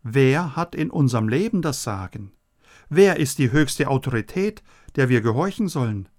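A man giving a scripted radio sermon, earnest and measured, speaking straight to the listeners. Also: mid-range voice, sing-song, darkish tone. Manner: earnest, measured preaching, addressing listeners directly. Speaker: radio preacher.

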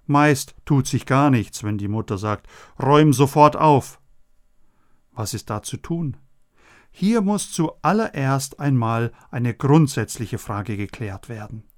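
A man giving a scripted radio sermon, earnest and measured, speaking straight to the listeners. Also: medium pitch. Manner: earnest, measured preaching, addressing listeners directly. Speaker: radio preacher.

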